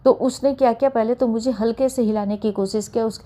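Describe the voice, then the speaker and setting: A woman's voice: a little high, fairly even intonation, brisk, warm tone. A middle-aged woman telling a personal experience in earnest, often calling her listeners by a respectful address. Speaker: satsang sharer. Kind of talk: personal testimony.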